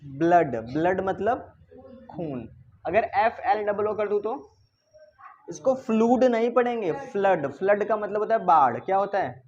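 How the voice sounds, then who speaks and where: A man teaching English pronunciation to a class, asking questions and repeating words slowly. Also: sits high, expressive, highs cut off. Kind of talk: classroom lesson.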